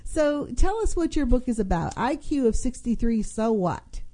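A woman's voice: on the high side, animated, moderate pace, mellow. A middle-aged woman hosting a public affairs radio interview, conversational and responsive as she speaks. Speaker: radio host. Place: radio studio. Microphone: studio microphone.

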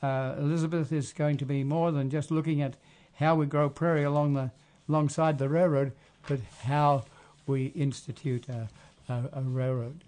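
A man hosting a casual community radio talk, rambling and often pausing to search for words. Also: a little high, flat delivery, darkish tone. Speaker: radio show host.

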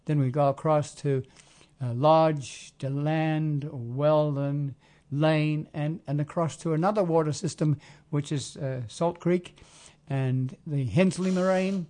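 A man hosting a casual community radio talk, rambling and often pausing to search for words. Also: on the high side, steady tone, mellow. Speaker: radio show host.

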